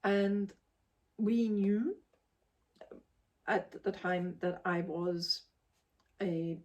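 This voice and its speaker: An Austrian woman in her forties gives a casual spoken book review, emphatic, articulate and forthright. Her medium-pitched voice moves extremely slowly, and the sound is lo-fi.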